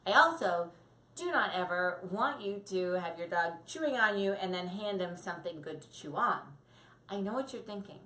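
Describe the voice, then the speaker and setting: Woman, dog trainer, chatty tips, playful put-on voices, middle pitch, roomy echo. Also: normal speed. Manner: lively, acts out puppy and owner voices. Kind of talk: casual training tips to camera.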